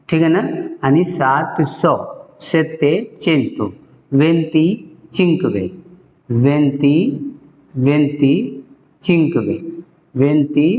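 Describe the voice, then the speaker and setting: A man's voice: on the high side, darkish tone. A man teaching a whiteboard language lesson who repeats each term, asks viewers to say it back and keeps checking that they have understood. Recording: echoey room with long reverb.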